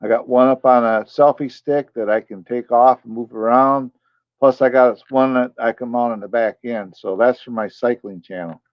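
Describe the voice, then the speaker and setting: A man's voice: mid-range voice, fairly even intonation, normal speed, dry recording, lo-fi sound. Rambling man chatting to his live-stream viewers. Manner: rambling, talks to chat viewers by name. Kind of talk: casual live-stream chat.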